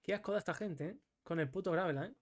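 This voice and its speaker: A man's voice: high voice, fast talker. Male streamer, frustrated self-scolding gameplay commentary, heavy swearing. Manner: swears often and scolds himself, in bursts of frustration.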